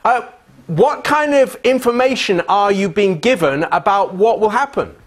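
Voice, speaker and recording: A man presenting live TV news from a studio, asking brisk, polite questions. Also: sits high, expressive.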